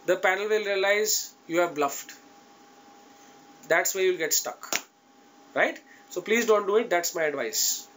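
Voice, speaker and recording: Indian guy teaching a live class, pretty high voice, blunt n emphatic, keeps checking in. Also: unhurried, long pauses, a bit bright, a little hiss or hum. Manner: direct, emphatic, checks in with listeners. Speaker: interview coach teaching an online class. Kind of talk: live lesson, informal advice to students.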